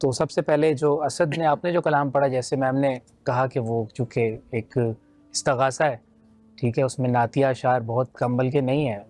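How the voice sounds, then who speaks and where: Judging a naat recitation contest, a man gives feedback in a teacherly way, using simple everyday examples. His medium-pitched voice is steady and darkish, with faint music in the background.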